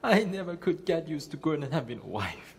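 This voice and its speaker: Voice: medium pitch, big pitch swings, brisk, breathy edge, heavily acted. A student actor playing an imperious older mother in mourning, speaking grandly on a theater stage. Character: grieving haughty mother, older woman. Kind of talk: live student theater acting. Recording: echoey stage hall, faint noise.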